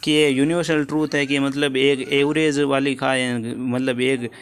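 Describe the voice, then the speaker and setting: A man's voice: mid-range voice, little pitch movement, measured pace, clean tone. A man teaching English grammar for an exam in Hindi, going through answers step by step, repeating key words and checking in with his students.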